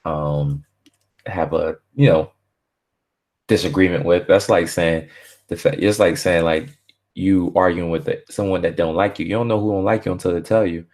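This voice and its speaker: A man with a very low, deep voice hosting a casual live stream from home. Born in Barbados, he talks in a laid-back, slangy way, leaning on filler phrases as he rambles. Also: fairly even intonation, normal speed, a little mellow.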